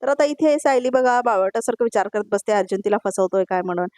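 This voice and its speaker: A woman narrating a TV serial recap in a chatty voice-over, often turning to speak to her viewers. Her pitch sits in the middle. The recording is dry and close. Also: quick pace, mellow, no room sound. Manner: chatty, addresses viewers directly.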